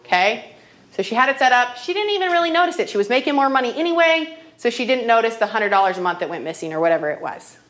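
A woman in her thirties with a slightly high, somewhat bright voice teaches a classroom workshop on money as a financial literacy trainer. She tells stories and checks in often with "okay?".

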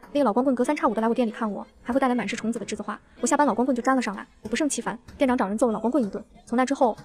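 A woman narrating a first-person novel as an audiobook reader, in a brisk, even storytelling manner. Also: on the high side.

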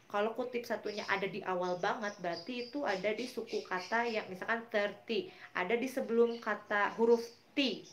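An Indonesian-accented woman teaching an online English class, patiently repeating example words. Her voice sits at a middle pitch, with a faint hiss of noise behind her. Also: a little fast.

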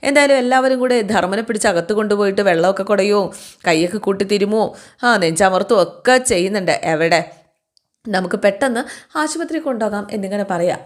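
A woman casually retelling a serial's plot, chatty and acting out the characters' lines. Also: medium pitch. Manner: chatty, acts out quotes with tag words. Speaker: serial recap narrator. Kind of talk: casual storytelling recap.

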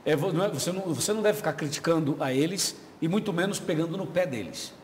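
A man's voice: a little high, animated, fast. A man with a Brazilian Portuguese accent, a pastor answering viewers' questions on a live video chat in an explanatory, chatty way. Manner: warm, explanatory, chatty, laughs easily. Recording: reverberant studio with faint ambient noise.

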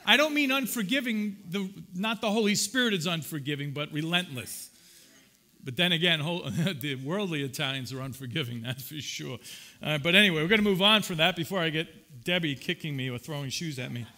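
A male pastor preaching a sermon. He swings from shouted lines to hushed asides and keeps asking the congregation questions and joking with them. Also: on the high side, expressive, normal speed. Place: church.

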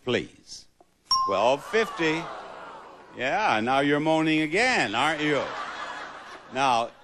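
A man hosting a game show before a live audience, with courtly, deliberate phrasing. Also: fairly high pitch. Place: television studio with live audience. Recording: loud music and studio audience behind.

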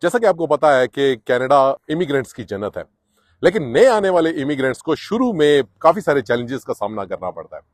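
A middle-aged man from Pakistan or India vlogs to camera on a sunny residential street, earnestly advising newcomers on immigration and filling gaps with many "uh"s. His medium-pitched voice is very animated and fairly quick, with a dry, clean studio sound.

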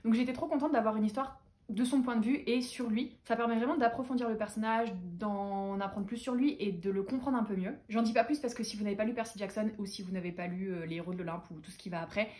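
A woman's voice: medium pitch, fairly quick, a little mellow. A young woman from France hosting a casual book haul chat, gushing with fan enthusiasm. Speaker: booktuber host.

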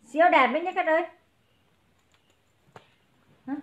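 A woman selling clothes on a livestream, briskly calling out prices and greeting viewers by name. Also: extremely high pitch, a bit bright, reverberant. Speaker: online clothing seller. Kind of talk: livestream sales pitch.

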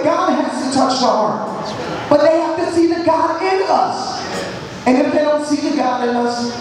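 High-voiced man in his fifties preaching. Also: noisy background. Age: 50s. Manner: earnest, exhorting, repeats phrases. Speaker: lay preacher. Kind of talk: church sermon. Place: large church sanctuary. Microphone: handheld mic. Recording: echoey hall from far off.

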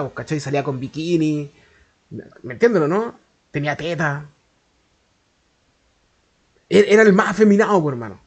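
A man with a Chilean accent telling a story in a casual, slangy, profane way that rambles along. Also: fairly high pitch. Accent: Chilean Spanish. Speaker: YouTuber.

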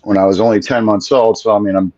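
This guest drummer, a man in his forties born in Venezuela and raised in Florida, tells his story on a casual video call, laid-back and cursing freely. His voice is fairly low, darkish, and fairly even, and he talks fast with no room sound. The webcam audio from his home room with a ceiling fan comes through dull and lo-fi.

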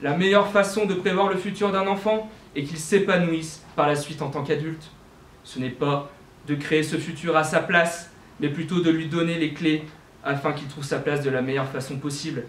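A man's voice: a little high, steady tone, moderate pace, a little hiss or hum. A young man delivering a student eloquence-contest speech, declaiming with rhetorical questions and small self-corrections. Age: young adult. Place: university lecture hall. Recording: roomy hall with faint ambience.

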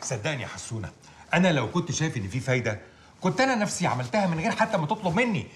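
An actor playing an older man who calms a hotheaded friend, quick and exasperated, with an Egyptian accent. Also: fairly high pitch, slight background noise. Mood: placating. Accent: Egyptian Arabic. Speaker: senior official in a TV series.

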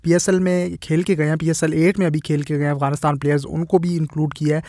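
A man in his thirties giving chatty, quick cricket vlog commentary outdoors at a stadium, filmed on a handheld phone. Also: fairly high pitch, flat delivery, dark tone, no room sound, studio quality. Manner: fast, chatty, mixes English words. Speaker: cricket vlogger.

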